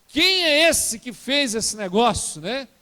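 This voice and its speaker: A man's voice: extremely high pitch, very animated, slow, bright, forceful tone, in a large hall, exaggerated voice. A man voicing a casual, easily swayed Persian king in chatty, colloquial Portuguese.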